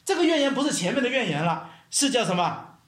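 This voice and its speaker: Lively high-voiced preaching man. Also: quick pace, reverberant. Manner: animated, peppers talk with rhetorical questions; mimics murmuring and cooing sounds. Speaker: pastor. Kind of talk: sermon.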